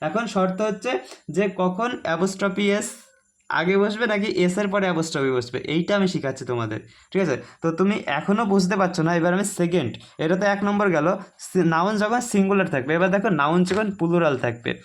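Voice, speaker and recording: A man teaching a casual online grammar lesson, chatty and repetitive, checking often that students follow. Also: high voice. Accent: Bengali. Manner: chatty, keeps asking "ঠিক আছে?"; explains slowly, repeating each rule.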